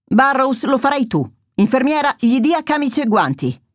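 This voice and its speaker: A woman's voice: high-pitched, very animated, moderate pace, no room sound, studio quality, pitched above the performer's own voice. Catherine, a woman reading a curt commanding surgeon. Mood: urgent. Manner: curt, decisive orders. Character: commanding female trauma surgeon under pressure.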